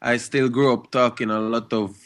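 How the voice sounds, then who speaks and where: A man's voice: medium pitch, level tone, normal speed. A young man, a reggae and dancehall artist, answering interview questions in a laid-back way with frequent "you know" and "you understand" tags. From Guadeloupe and Switzerland.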